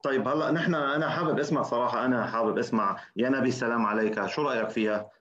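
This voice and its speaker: A man hosting an interview chat, asking brisk, friendly questions. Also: medium pitch, a bit bright. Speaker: show host. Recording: dull lo-fi sound.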